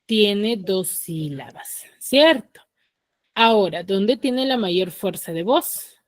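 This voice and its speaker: A woman's voice: mid-range voice, animated, takes it slowly, dry recording. Patient teacher questioning her class. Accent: Peruvian Spanish. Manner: patient, questioning, drills students step by step. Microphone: computer mic on a video call.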